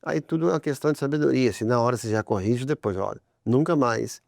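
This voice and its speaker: A man with a Brazilian Portuguese accent talks in a gravelly, creaky voice about faith and family. His tone is conversational, and he gets lively when he tells examples. The studio sound is dry and close, with no room echo. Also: mid-range voice, rapid-fire. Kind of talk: religious family talk.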